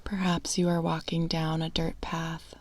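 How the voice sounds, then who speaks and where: A woman guides a meditation in a hushed, breathy voice, unhurried and flat, sitting low in pitch. She leaves long pauses between her soothing phrases.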